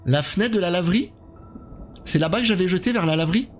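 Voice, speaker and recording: A man's voice: sits high, fast talker, soft background music. A man doing casual live commentary on a horror game while chatting with his viewers.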